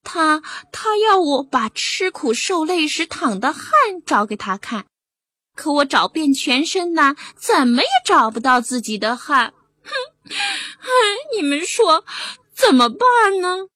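A woman's voice: high voice, very animated, measured pace, bright, forceful tone, dry recording, studio quality, full character voice. A woman voicing an aggrieved spotted cat that whimpers and frets, near tears, in a storybook tale. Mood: tearful.

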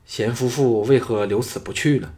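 Male reader as weary young hero, guarded, low and subdued, storybook lead. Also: moderate pace, darkish tone, close to an everyday voice.

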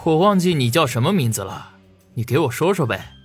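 A cheeky, foul-mouthed young burglar, voiced by a man narrating the story. His pitch swings widely as he teases and swears. Faint music sits behind him. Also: big pitch swings, a little fast, slightly rough, heavily acted. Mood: teasing. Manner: coarse, swearing, teasing. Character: crude mischievous young male burglar. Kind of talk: audiobook character voice.

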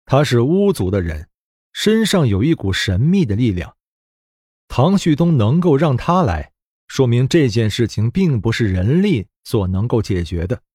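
Guy reading a fantasy audiobook, lively delivery, dry close sound. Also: medium pitch, normal speed, husky, no room sound. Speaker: audiobook narrator. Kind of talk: web novel audiobook narration.

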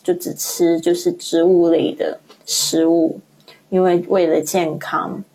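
A woman teaching English online, explaining patiently and repeating English words slowly to model their pronunciation. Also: fairly low pitch, dark tone. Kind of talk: online language lesson.

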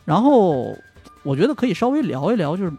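A man in casual gaming chat who gets excitable, swears freely and steers the discussion. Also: sits high, brisk, faint music behind.

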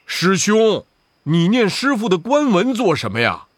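A man's voice: lowish voice, very animated, unhurried, husky, dry recording, voice pushed down, full character voice. A man voicing a loyal, earnest monk disciple in a storybook reading. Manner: earnest, pleading.

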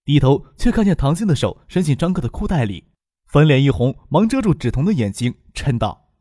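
A male narrator tells a novel with expressive storytelling, his intonation rising and falling in a lively way. The recording is dry and close, with no room sound. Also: fairly high pitch, brisk, no echo. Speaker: audiobook narrator.

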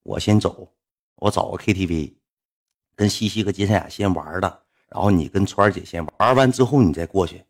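A man with a Northeastern Mandarin accent tells a casual story in a low voice. He talks quickly, loops back on his own words and leans hard on fillers as he goes. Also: creaky, breathy edge. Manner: rambling, repetitive, full of fillers. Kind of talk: casual spoken anecdote.

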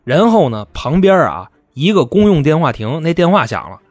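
A man's voice: on the high side, very animated, normal speed, dry recording, clean studio sound. A man hosting a podcast, telling a true-crime story in casual, salty everyday speech and acting out the people in it. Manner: colloquial, salty, acts out the quoted people. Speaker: podcast host.

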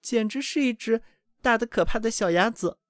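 A man voicing a doting, fussy mother duck in a storybook reading, with a high, excited, scolding voice. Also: moderate pace, dry recording, studio quality. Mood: proud.

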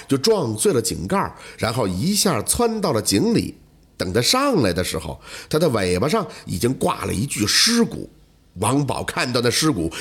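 A man narrating a folk tale in a scripted, storytelling way, with dramatic slowdowns. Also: mid-range voice, husky. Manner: animated storytelling with dramatic pauses.

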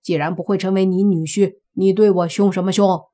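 A woman's voice: mid-range voice, steady tone, brisk, dark tone, natural voice. A woman reading an audiobook and voicing a cocky young man who talks in a brash, mocking way with casual slang.

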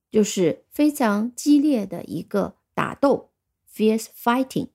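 A woman's voice: on the high side, warm tone. A woman teaching an English vocabulary lesson, patiently explaining words, spelling them out letter by letter and repeating examples.

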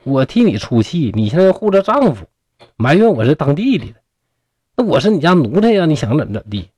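Narrator doing a gruff, quick-tempered young brother, Northeastern Mandarin accent, blunt delivery for a told story. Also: male voice, high voice, big pitch swings, warm tone, no room sound, pitched above the performer's own voice. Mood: angry.

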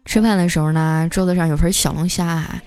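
A woman telling comic stories as a podcast host, lively and chuckling often. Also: on the low side, a little fast. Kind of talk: comic storytelling. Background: background music.

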